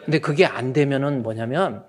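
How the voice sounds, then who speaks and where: A man in his fifties, a senior pastor, preaching a lively, folksy sermon and acting out quoted voices now and then. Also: mid-range voice, a little fast, slight background noise.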